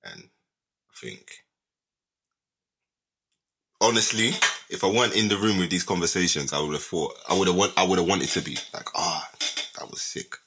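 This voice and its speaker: A man's voice: deep voice, expressive, normal speed, long pauses, fairly bright tone, breathy edge. A young man with a London roadman accent hosting a podcast, chatting casually in heavy street slang. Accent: London roadman, multicultural street English. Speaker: podcast host.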